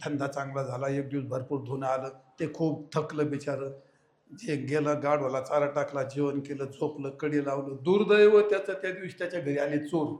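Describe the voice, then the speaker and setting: A man preaching a devotional sermon, telling a folk fable with humor and lively storytelling. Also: a little high. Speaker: kirtan preacher. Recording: echoey hall.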